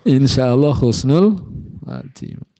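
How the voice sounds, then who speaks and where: Male Islamic teacher, mellow dark tone, emphatic storyteller. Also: measured pace, creaky. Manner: storytelling, animated pitch jumps for emphasis. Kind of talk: sermon. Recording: muffled lo-fi recording.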